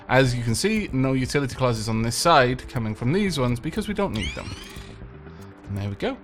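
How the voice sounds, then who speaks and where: Game music plays behind a man whose mid-range voice has a bit of brightness. He's a let's play host with a slight cold, offering casual commentary and chatting playfully both to himself and to the tenants in the game as he plays.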